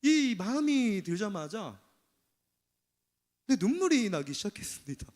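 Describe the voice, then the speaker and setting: A male pastor preaches an earnest, confessional sermon in a church sanctuary. His voice is very high for a man. Long reverb from the hall hangs after each phrase. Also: very animated, measured pace, a little mellow.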